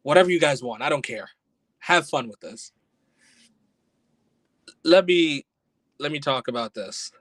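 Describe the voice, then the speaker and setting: A man's voice: on the high side, lively intonation, a little slow, long pauses, a bit bright, no room sound, poor audio. A man hosting a casual solo podcast review, talking bluntly and with exasperation, and a little out of breath. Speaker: podcast host.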